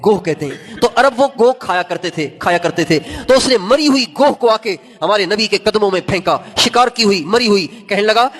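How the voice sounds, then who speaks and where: A man preaching a sermon through stories, repeating phrases for emphasis and chanting Arabic quotations slowly. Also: high voice, fairly bright tone. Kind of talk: sermon storytelling. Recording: long hall reverb.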